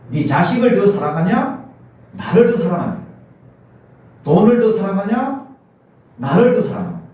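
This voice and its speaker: Echoey Gyeongsang-accented preacher, lively high pitch. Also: male voice. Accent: Gyeongsang Korean. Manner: preaching with rhetorical questions to the congregation. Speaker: pastor. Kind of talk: sermon. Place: church sanctuary. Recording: very echoey church hall, mic at a distance.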